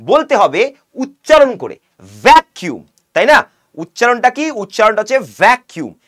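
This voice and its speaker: A young male teacher with a Bengali accent explains exam English, reading questions out slowly and then asking and answering his own questions. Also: very high-pitched, sing-song, a bit bright. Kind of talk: exam-prep video lesson.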